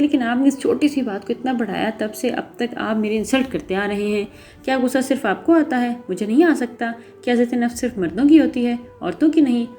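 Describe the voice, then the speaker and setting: A woman's voice: on the high side, darkish tone, close to an everyday voice. A woman voicing a spirited young heroine in a story reading, talking with indignant, emotional force. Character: spirited young woman, proud and quick to anger. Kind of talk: audiobook character reading.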